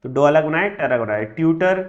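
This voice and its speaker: A man teaching a shorthand class who says each word slowly and more than once, and often stops with a quick question to check that the students are following. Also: fairly high pitch, animated, dull audio. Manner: drills words by repeating them slowly, checks understanding with frequent tag questions. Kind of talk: classroom lesson.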